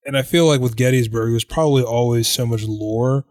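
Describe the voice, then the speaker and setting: A man's voice: mid-range voice, a little fast, a little mellow, no room sound. Rambling man with a dry, close sound. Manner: rambling, heavy use of "like". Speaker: podcast co-host. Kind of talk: casual chat.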